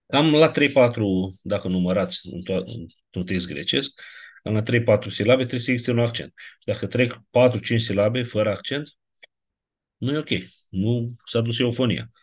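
A man teaching a lecture class, explaining grammar step by step and checking in with his students. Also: medium pitch.

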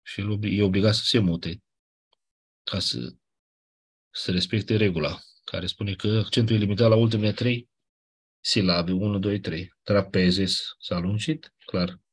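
Husky-voiced male teacher explaining grammar. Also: fairly low pitch, steady tone, long pauses. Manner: patient explaining, frequent checks like "da?"; clears throat often. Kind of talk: classroom lecture on Ancient Greek grammar.

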